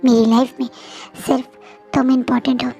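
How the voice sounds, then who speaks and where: A woman voicing a cold, possessive young man in a story recap, speaking in low, firm declarations. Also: flat delivery, a little fast, creaky, dark tone, faint music behind, low-quality recording. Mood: intense.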